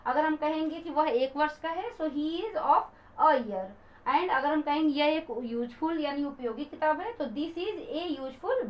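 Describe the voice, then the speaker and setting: A woman teacher patiently explaining grammar to viewers, calling them friends and switching into English example sentences. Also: high-pitched. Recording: dull lo-fi recording.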